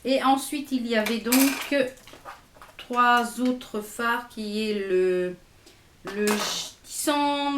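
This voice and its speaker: A woman beauty vlogger, her voice slightly high, talks through a makeup haul in a roomy space with a bit of background noise. Her delivery is casual and hesitant, loaded with fillers, as she swatches products along her arm.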